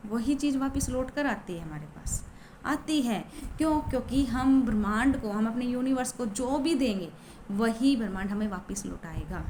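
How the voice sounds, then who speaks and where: A woman's voice: fairly high pitch, lively intonation, moderate pace, darkish tone, a little hiss or hum. A woman coach talking casually and chattily, repeating herself with many fillers. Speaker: law of attraction coach. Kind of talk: casual talk to camera.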